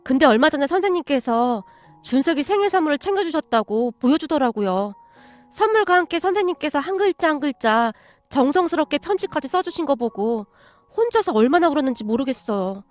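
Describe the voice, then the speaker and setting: A woman's voice: high-pitched, very animated, fairly quick, dry recording, faint music behind. A woman reading a radio story, voicing a humble, earnest widowed mother who speaks politely. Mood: grateful.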